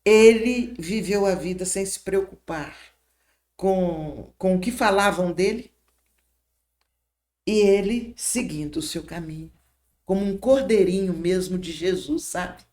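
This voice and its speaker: An older woman, a podcast guest gently recounting memories and often checking in with her listener. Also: fairly low pitch, unhurried. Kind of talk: reminiscing storytelling.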